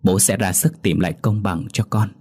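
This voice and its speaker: A man voicing a kindly, grieving older father-in-law who speaks in gentle, soothing pleas. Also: low-pitched, normal speed, breathy edge. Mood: pleading.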